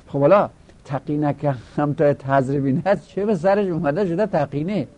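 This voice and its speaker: A male teacher giving a grammar lesson, drilling word forms aloud and repeating them slowly for students. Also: on the high side, steady tone, darkish tone, dull audio.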